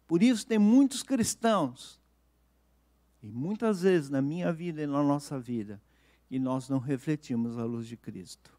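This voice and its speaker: Brazilian pastor, male, fairly high-pitched, earnest sermon delivery that drops soft on key lines. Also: lively intonation. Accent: Brazilian Portuguese. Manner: earnest preaching, slows and softens for emphasis.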